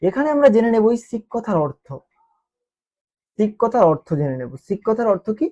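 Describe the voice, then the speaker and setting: A woman teacher explaining exam questions, repeating key terms and checking in with quick questions to students. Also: on the high side, very animated, dark tone. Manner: repeats key terms and keeps asking "ঠিক আছে?". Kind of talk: exam-prep lesson explanation. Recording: dull lo-fi recording.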